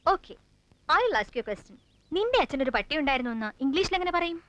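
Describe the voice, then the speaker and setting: A woman's voice: sits high, very animated, normal speed, very noisy. A snobbish, mocking rich girl. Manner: mocking, teasing, mixes in English phrases. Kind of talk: film drama acting. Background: loud film music.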